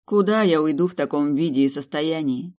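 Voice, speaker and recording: A woman's voice: deep voice, a little fast. Woman narrating a first-person audiobook. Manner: lively, raises voice in dialogue.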